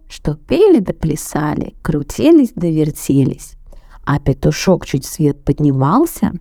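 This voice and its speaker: Animated woman reading a fairy tale. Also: low-pitched, no room sound, studio quality. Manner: expressive, animated. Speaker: storyteller.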